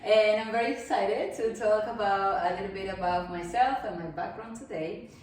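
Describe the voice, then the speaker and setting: A woman's voice: mid-range voice, normal speed, a little mellow. A woman from Peru speaking English, a guest in a casual interview, upbeat and friendly. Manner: upbeat, friendly, slightly non-native phrasing. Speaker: guest, event planner. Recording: echoey room, mic at a distance.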